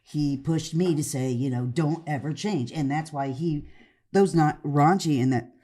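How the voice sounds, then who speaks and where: A woman's voice: sits low, a little slow, dark tone. A woman co-hosting a podcast, chatting casually and telling rambling stories with frequent laughs. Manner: rambling storyteller, laughs often. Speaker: podcast co-host, comedian. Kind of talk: casual chat.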